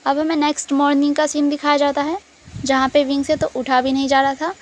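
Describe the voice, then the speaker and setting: High-voiced woman retelling a story. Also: level tone, fairly quick. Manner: chatty, mixing in English words.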